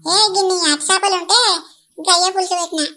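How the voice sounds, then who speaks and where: A woman's voice: very high voice, steady tone, quick pace, bright, forceful tone. A woman voicing a fussing middle-aged village neighbor, chatty and scolding, in a Telangana accent.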